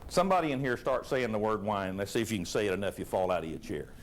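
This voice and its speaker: Speaking fast in a fairly low voice, a man delivers a sermon to a live congregation against a noisy background. He is loud, folksy and animated, frequently posing rhetorical questions.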